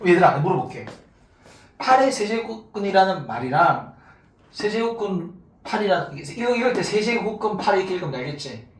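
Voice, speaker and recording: A man teaching a math class to students, talking casually and constantly checking that they follow. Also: high voice. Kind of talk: classroom lecture. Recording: echoey room, mic far off, faint noise.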